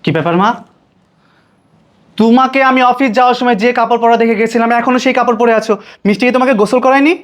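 A man's voice: very high voice, fast, pauses often. A man playing a stern scolding husband. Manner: commanding, scolding. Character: stern young husband, fed up with his wife. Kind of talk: short-film drama acting.

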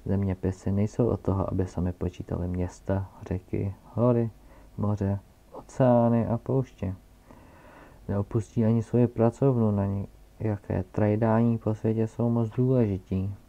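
A man reading aloud and voicing a pompous old male geographer who lectures loudly and self-importantly, captured on a dull, lo-fi recording. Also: fairly low pitch, steady tone, gravelly.

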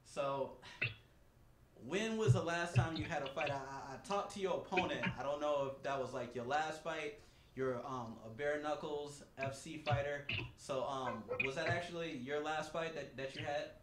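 Podcast host, man in his forties, casual and upbeat, lots of "um"s, echoey room with steady background hiss. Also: a little high, normal speed. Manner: upbeat, repeats himself, many fillers. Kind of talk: casual interview. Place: small home studio. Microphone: desk mic on a stand.

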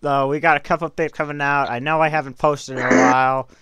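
Young male gaming host, slightly high and bright, chatting casually in a dry, close space. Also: steady tone, brisk, clean tone, no echo. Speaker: video channel host. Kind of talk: casual game-video update chat.

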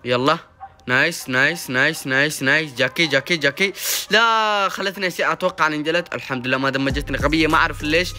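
A young man talks through his gameplay at a rapid clip in a high, sharp, very bright voice. He chatters excitedly, slipping into sing-song cheers and groans. Faint music plays behind him. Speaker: gaming YouTuber. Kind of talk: gameplay commentary.

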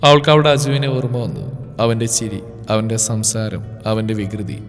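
A man reading a romance story aloud in a slow, emotive narration. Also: lowish voice. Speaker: story presenter. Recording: reverb with background music.

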